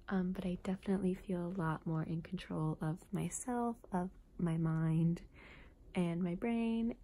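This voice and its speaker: A woman speaking softly in a casual, personal ASMR style, hushed and breathy, often slipping into a whisper. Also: on the low side. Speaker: ASMR content creator. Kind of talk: soft-spoken ASMR, casual personal talk.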